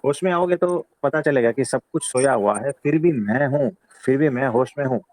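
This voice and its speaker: A man's voice: medium pitch, moderate pace, dry recording, poor audio. A man as a spiritual teacher answering questions in a satsang, explaining patiently and often checking in with his listener. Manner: calm, patient explaining with frequent "है ना?".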